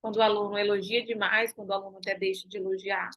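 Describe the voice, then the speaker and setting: A woman's voice: medium pitch, level tone, fast, highs cut off. A woman giving an online class, emphatic and repeating key phrases, asking her students rhetorical questions. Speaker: pilates teacher and business mentor.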